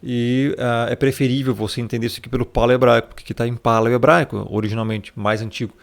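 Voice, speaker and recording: This man speaks quickly in a flat, creaky voice of medium pitch. Leading an informal Bible study, he explains scripture in a chatty way, dropping tag questions and addressing the listener as brother.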